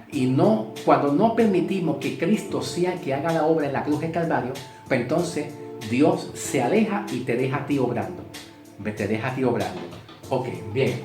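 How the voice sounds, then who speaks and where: A man teaching a Bible sermon, emphatic, repeating key words and asking rhetorical questions. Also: mid-range voice. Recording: echoey room with guitar music. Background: guitar music.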